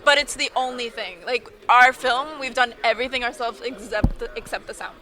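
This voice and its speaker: A woman's voice: on the high side, a little fast. A young woman, an animation student earnestly explaining her project in an interview. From Puerto Rico. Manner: earnest, informative. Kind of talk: casual interview chat.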